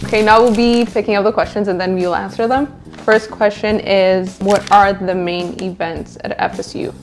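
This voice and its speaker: Young woman from Ethiopia, relaxed talk. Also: mid-range voice, moderate pace, music in the background. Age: young adult. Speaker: student union team member. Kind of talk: casual interview answers. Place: office meeting room.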